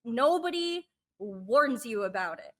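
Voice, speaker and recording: Earnest rambling woman, candid podcast guest. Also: takes it slowly. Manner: rambling, earnest, full of restarts and fillers; lively, with sudden jumps in pitch and loudness.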